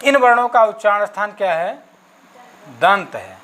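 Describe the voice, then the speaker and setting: A man's voice: high voice, very animated, moderate pace, sharp tone. A man teaching an exam-prep Sanskrit grammar lesson, asking questions and answering them himself, checking in often with "okay", and spelling out sounds one by one.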